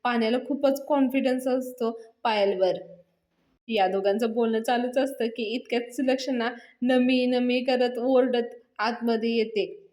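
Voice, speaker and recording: A woman recaps a television serial, telling the story with lively energy. Her voice sits fairly high. It carries a roomy echo. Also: measured pace. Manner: lively retelling, acting out the characters.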